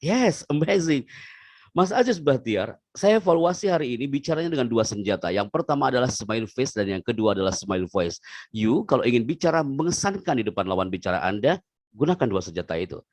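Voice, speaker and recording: A man giving a lively online public speaking seminar over a video call, playful and swinging between loud and hushed delivery. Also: mid-range voice, brisk, dry recording.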